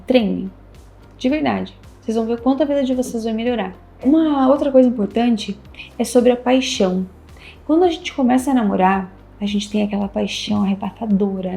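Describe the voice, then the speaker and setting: Brazilian woman, dating-advice host, high-ish gravelly voice, mellow tone, emphatic and repetitive. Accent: Brazilian Portuguese. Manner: emphatic, repeats key phrases, acts out little dialogues. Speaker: relationship advice host and couples therapist. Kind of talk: casual advice talk to camera.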